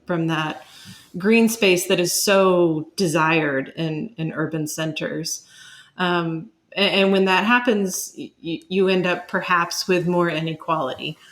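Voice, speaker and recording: A woman appears as an academic guest, answering interview questions explanatorily in measured, searching phrases sprinkled with asides. Her voice is lowish and a bit bright.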